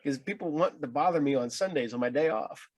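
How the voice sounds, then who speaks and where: A man's voice: on the high side, brisk. An American man chatting casually as an interviewer, telling anecdotes in a loose, rambling way. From Ohio, United States.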